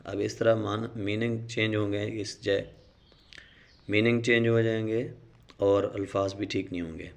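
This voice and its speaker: Male Quran tutor, lowish voice, brisk explanations and slow, stretched syllable drills. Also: flat delivery, gravelly. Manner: explains rules quickly, then recites syllables slowly and drawn out. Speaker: Quran recitation teacher. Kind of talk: Noorani Qaida reading lesson.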